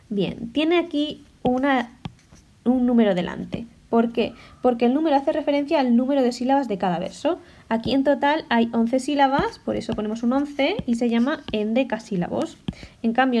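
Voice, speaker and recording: A woman teaches a class in a relaxed, warm voice that sits a little high. She explains patiently and stops often to check that her students follow. She also sounds out word endings slowly. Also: slight background noise. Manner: patient, checks understanding with short questions. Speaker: language teacher.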